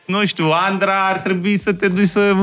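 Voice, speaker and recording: A man's voice: high-pitched, level tone, fairly bright tone. Male music guest, casual banter, laughs easily, light music under. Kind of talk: casual radio chat.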